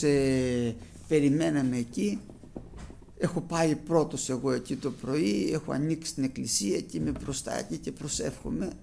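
A man's voice: a little high, vocal fry, a little mellow. A middle-aged man preaching a sermon, telling stories emphatically and with dramatic outbursts. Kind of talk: Pentecostal sermon.

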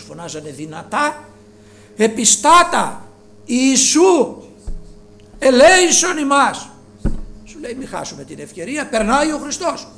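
A man preaching a sermon with fervor, rising to loud calls and dropping low. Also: vocal fry, slight background noise.

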